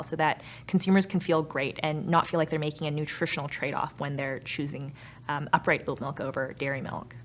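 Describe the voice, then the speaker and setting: A young startup founder and chief executive from Canada, raised in Vancouver, answers interview questions about her company in an earnest, explanatory way. Her low-pitched voice carries a Canadian accent, with a little hiss or hum on the recording.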